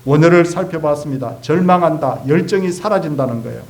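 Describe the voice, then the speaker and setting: A man preaching a sermon as pastor, animated, asking rhetorical questions and acting out quoted speech. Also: a little high, fast talker.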